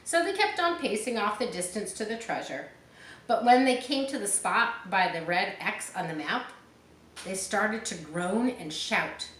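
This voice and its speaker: With a mid-range, animated and fairly bright voice, a woman reads a story aloud, pausing to define words, explain details and check understanding. The recording has an echoey sound and faint background noise.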